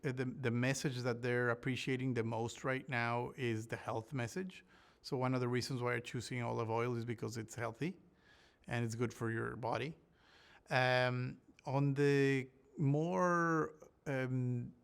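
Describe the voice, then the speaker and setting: Man from Ecuador, smooth voice, halting. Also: mid-range voice. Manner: thoughtful, many restarts and fillers. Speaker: olive researcher. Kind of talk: interview answers.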